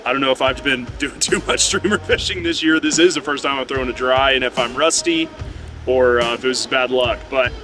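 A man's voice: mid-range voice, brisk. Host type, 30s guy, laid-back outdoors chat by a creek, light music under it. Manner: relaxed, easygoing, lots of ums. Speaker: fly fishing guide and host. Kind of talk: casual outdoor vlog talk. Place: outdoors by a mountain stream.

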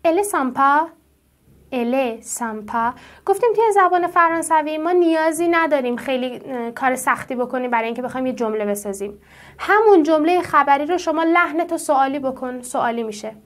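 A woman teaching French who draws out each French word slowly and asks her students questions. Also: high voice. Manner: slow, drawn-out pronunciation of French words; explains patiently and asks the class questions. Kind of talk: classroom-style language lesson.

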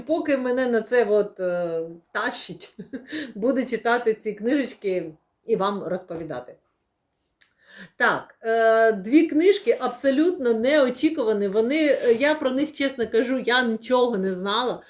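Young woman, book vlogger, chatty and playful, lots of fillers, fairly high voice. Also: animated, measured pace. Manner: chatty, many fillers, laughs often, playful. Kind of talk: casual book unboxing chat.

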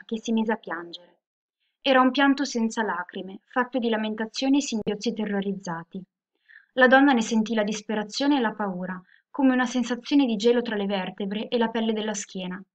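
A woman teacher reading a storybook aloud in a steady, clear narration. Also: medium pitch. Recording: muffled lo-fi recording.

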